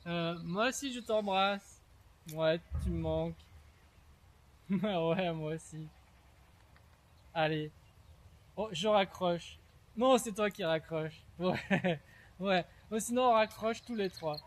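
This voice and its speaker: A man's voice: sits high, slow, long pauses, reverberant. A man playing a tender, sentimental phone lover. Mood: cooing. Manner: tender, a bit flustered. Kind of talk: amateur stage play rehearsal.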